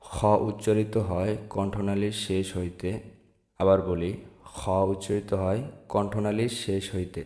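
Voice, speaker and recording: A man from Bangladesh teaching the Arabic letters in a slow lesson, saying each sound and repeating it for viewers. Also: fairly low pitch, level tone, warm tone. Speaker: Quran teacher. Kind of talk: slow step-by-step alphabet lesson.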